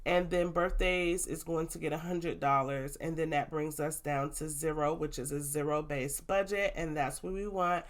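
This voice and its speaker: A woman's voice: low voice, steady tone, normal speed, hardly any pauses. A woman, congested, chatting casually to viewers as she walks through her budget. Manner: chatty, addresses viewers as y'all and baby. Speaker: budgeting vlogger.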